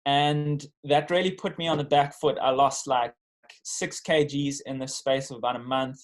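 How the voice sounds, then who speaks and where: A man's voice: medium pitch, steady tone, normal speed. A man with a South African accent telling his story in a casual interview, speaking as a professional athlete in an earnest, informal, reflective way. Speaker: professional bodyboarder being interviewed.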